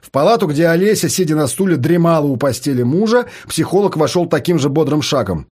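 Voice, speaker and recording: A man narrating an audiobook in an expressive storytelling manner. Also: fairly high pitch, fast, husky.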